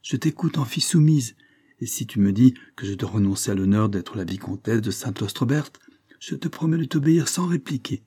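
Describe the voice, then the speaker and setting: A man's voice: mid-range voice, lively intonation, brisk, dark tone, husky. A man reading aloud voices a young woman, a loving but defiant daughter, pleading emotionally in a raised voice. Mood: teasing.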